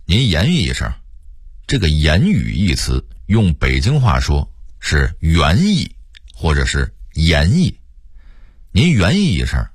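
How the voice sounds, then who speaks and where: A middle-aged man reads a scripted radio narration. His voice sits very low and slightly husky, and his pitch swings widely as he imitates local speech. The sound is close and dry, with no room echo. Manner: explanatory, imitating local pronunciations. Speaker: storyteller narrator.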